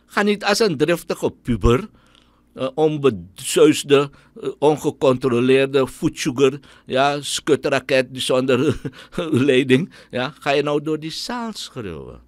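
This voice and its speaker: A middle-aged man with a Surinamese Dutch accent holds forth on the radio in an indignant, scornful rant. His voice leaps up and down expressively, with a mid-range pitch and dry, close sound. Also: expressive, takes it slowly, no echo. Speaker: radio commentator. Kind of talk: opinionated radio monologue.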